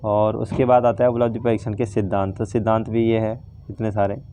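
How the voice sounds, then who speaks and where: Male teacher, low voice, mellow tone, casual lesson walkthrough. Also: little pitch movement, brisk, slight background noise. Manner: informal, repeats "theek hai" and "hai na".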